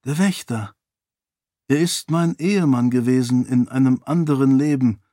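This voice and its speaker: A man voicing a grieving woman, an exiled mother who speaks softly and sorrowfully in an audiobook. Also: medium pitch, normal speed, no echo, clean studio sound, close to an everyday voice. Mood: wistful. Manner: soft, sorrowful.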